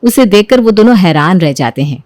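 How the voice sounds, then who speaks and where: A woman narrating a family story in an even, explanatory way. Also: on the low side, brisk, no echo.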